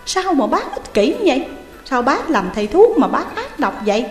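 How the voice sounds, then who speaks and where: A woman voicing an angry young boy, shouting tearful accusations. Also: high-pitched, sing-song, moderate pace, pitched above the performer's own voice. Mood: angry, accusing. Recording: roomy reverberant room, faint music.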